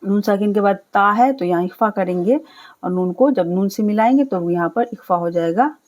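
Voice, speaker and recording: A woman teaching Quran recitation, spelling out letters and vowels, then chanting each word slowly and drawn out, with patient explanations. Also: mid-range voice, a little mellow. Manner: explains rules patiently, often checks with a quick "okay". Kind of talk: step-by-step recitation lesson.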